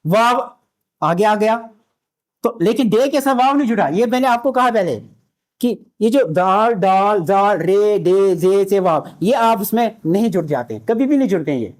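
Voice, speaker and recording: A man teaching Urdu script in a classroom lecture, patient and repetitive, spelling letters out slowly. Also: sits high, animated. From India.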